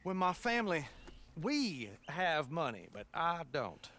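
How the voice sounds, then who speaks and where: A man's voice: fairly high pitch, big pitch swings, a little slow, sharp tone, slight background noise, exaggerated voice. A nervous lovestruck young man. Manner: anxious, rambling. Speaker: game character.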